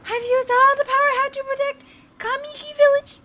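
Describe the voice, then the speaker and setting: A woman voicing a gentle female tree goddess from a video game, reading earnestly and slowly over a noisy mic. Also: very high-pitched, flat delivery, pitched above the performer's own voice. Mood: solemn.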